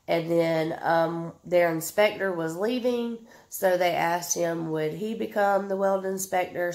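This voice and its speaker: A woman with a Southern US drawl chats to camera in a low, gravelly voice. She is stuffed up and sniffling as she answers viewers' questions, with many ums and loose, friendly asides. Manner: chatty, drawling, many ums, reads comments aloud. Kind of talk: casual Q&A chat to camera.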